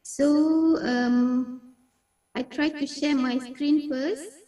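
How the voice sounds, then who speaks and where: Slow, hesitant woman on a video call. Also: high-pitched, fairly even intonation, warm tone. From Malaysia. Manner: slow, hesitant, many fillers. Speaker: academic conference speaker. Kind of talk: conference talk over video call. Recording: echoey room, far from mic.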